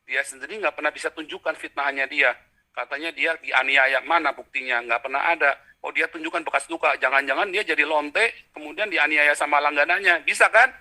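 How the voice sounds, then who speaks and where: A man speaking over a video call in a mocking, vulgar, combative way, hosting a heated debate. His voice sits a little high and sounds very bright and forceful. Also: steady tone, brisk.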